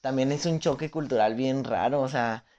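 A young man with a Mexican accent, co-hosting a casual chat and telling stories in an animated, slangy way. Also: mid-range voice, moderate pace, highs cut off. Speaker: podcast co-host.

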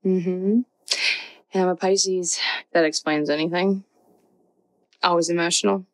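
A woman in her twenties co-hosts a podcast, chatting casually with lots of "like" and acting out quotes. Her voice is on the low side, with fairly even intonation and a measured pace, and the recording is rough.

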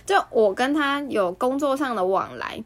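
A woman with a Taiwanese Mandarin accent chatting casually as a podcast co-host, telling stories in an expressive way. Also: sits high, normal speed. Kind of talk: casual chat.

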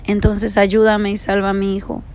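A woman's voice: medium pitch, completely flat delivery, normal speed, darkish tone, smooth, natural voice. A woman voicing a desperate grieving mother. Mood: pleading. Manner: pleading and frantic. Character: desperate grieving mother pleading for her son.

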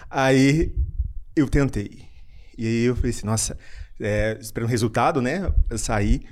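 A young Brazilian man talks through a personal story as a podcast guest, his voice sitting at an ordinary middle pitch. He gets animated, laughs often and circles back on his own phrases. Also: moderate pace, slight background noise. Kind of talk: casual storytelling in an interview.

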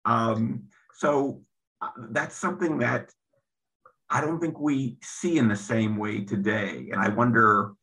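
Male interview host, gravelly and sharp-edged tone, measured questions punctuated by ums. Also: medium pitch, poor audio. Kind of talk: interview hosting.

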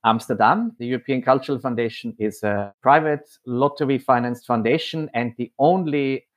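A man from Austria, head of programs at a foundation, speaking in a measured, explanatory way with occasional hesitations. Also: medium pitch. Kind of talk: podcast interview monologue.

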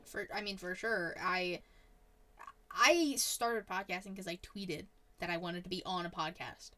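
A woman's voice: on the low side, unhurried, pushed and bright. A woman hosting a podcast, talking casually in a chatty, teasing way and laughing often. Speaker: podcast host.

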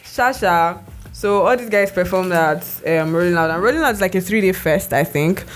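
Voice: medium pitch, normal speed, a little hiss or hum. Rambling podcast co-host. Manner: rambling, heavy use of "like" and restarts. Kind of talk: casual podcast chat.

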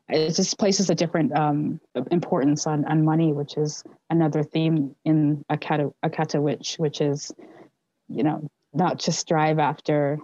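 Co-hosting a relaxed book discussion, a woman from Zambia who was raised in the United States speaks in a low, mellow voice. Reflective, she thinks aloud, musing through each idea and often backing up to rephrase. The recording is dry and slightly muffled, with no room sound.

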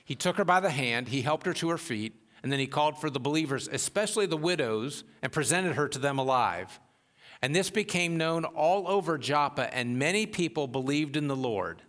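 A man preaching a sermon as pastor, pressing rhetorical questions with growing force and dropping to a hushed tone to tell stories. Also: animated, a little fast. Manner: rises to emphatic questions, drops low and soft for told stories.

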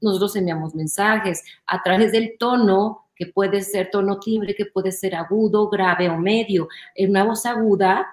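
A woman with a Mexican accent talks in a lively, explanatory way as an interview guest, often checking in with "¿no?". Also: mid-range voice, a little slow, few pauses. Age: adult, a mother. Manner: animated, explanatory, often asks "¿no?". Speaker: guest, image consultant. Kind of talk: conversational interview. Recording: roomy echo.

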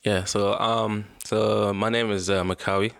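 Low, gravelly young man from Sudan. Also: flat delivery, a little slow, a bit bright, dry recording. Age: 20s. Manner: hesitant, many "um"s, laughs often. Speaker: guest. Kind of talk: casual interview.

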